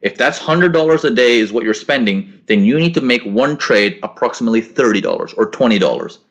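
Over a video call on his laptop's webcam mic, a young man hosts a live forex trading webinar from a small room at home. His mid-range voice is expressive and fairly quick as he answers chat questions in a laid-back coaching way, often saying things twice. He grew up in Korea and the US.

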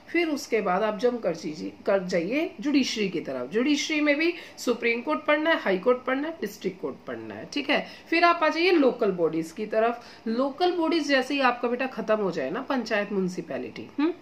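A woman exam-coaching teacher giving casual study advice, chatty and encouraging, often checking in with her students and mixing English phrases into her talk. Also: on the high side. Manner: chatty, addresses students as beta and guys, mixes English phrases; repeats "theek hai" as a check-in.

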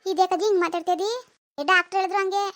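A young mother explains herself patiently in a rural Kannada village dialect, voiced by a woman for a cartoon. Her voice is high and her words come quickly. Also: level tone, a bit bright. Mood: pleading. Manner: pleading, explaining. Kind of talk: cartoon voice acting.

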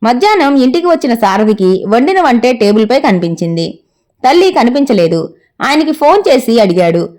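A woman narrating a serialized story in a steady read-aloud way. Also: a little high, moderate pace.

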